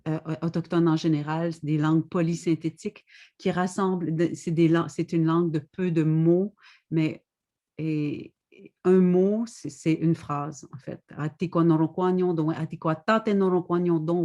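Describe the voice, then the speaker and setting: A woman's voice: low-pitched, level tone, warm tone. A woman on a webinar panel, explaining her language thoughtfully, with frequent restarts. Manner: thoughtful, halting, explains slowly with many restarts. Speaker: guest poet and author.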